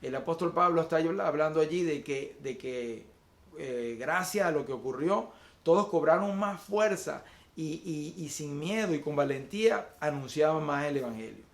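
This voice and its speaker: A male pastor preaches an online Sunday sermon with a gravelly voice that is a little high and lively in intonation, in roomy sound. He often repeats words and uses fillers while searching for the next phrase, slowing down to list virtues one by one.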